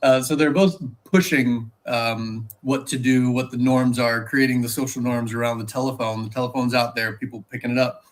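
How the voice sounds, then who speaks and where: A man's voice: mid-range voice, fairly even intonation, normal speed, hardly any pauses. Laid-back man explaining with fillers. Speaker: podcast co-host. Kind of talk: casual chat.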